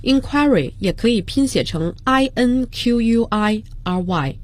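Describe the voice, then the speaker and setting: A woman teaching business English on a radio lesson, explaining slowly and spelling words out letter by letter. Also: a little high, expressive. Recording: broadcast studio.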